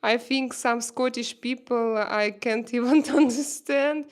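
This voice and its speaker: A Russian woman with a Russian accent and a fairly high voice hosts a casual livestream chat. She speaks haltingly, using many fillers and laughing often.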